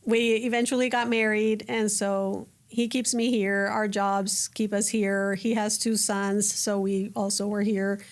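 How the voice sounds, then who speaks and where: A woman from Cali, Colombia, a native Spanish speaker with a Colombian accent, chats as a guest educator in a casual interview. Her medium-pitched voice is unhurried with hardly any pauses, and she's animated, restarting sentences and acting out quoted voices.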